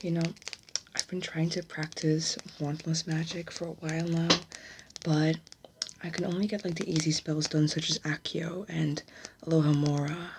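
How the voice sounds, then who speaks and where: A woman in an ASMR role-play as a gossipy, bookish young witch student, speaking in a hushed, halting, conspiratorial way as if sharing a secret. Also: low-pitched, flat delivery, noisy background.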